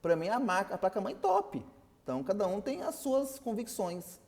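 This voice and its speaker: A man's voice: high voice, big pitch swings, moderate pace, a little mellow, in a large hall. A man teaching a customer service class, explaining and asking his students questions. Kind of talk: online class lecture.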